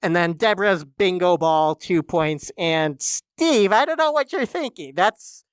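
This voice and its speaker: Casting: low, dry-voiced woman, casual wry reaction chatter, close mic. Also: lively intonation, smooth, no echo. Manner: musing, halting, wry. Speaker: reaction video host.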